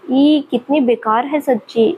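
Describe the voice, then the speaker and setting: A woman's voice: high-pitched, measured pace, dark tone, a little hiss or hum, low-quality recording. A woman voicing a spirited young female student who pleads and pouts. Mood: pouty. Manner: pleading, pouty.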